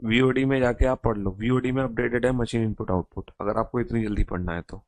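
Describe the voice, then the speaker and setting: A man's voice: mid-range voice, steady tone, brisk, a little mellow. A male English teacher giving an online class in Hindi, reassuring students and repeating his instructions in a coaxing way. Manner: coaxing, repetitive, calls students beta.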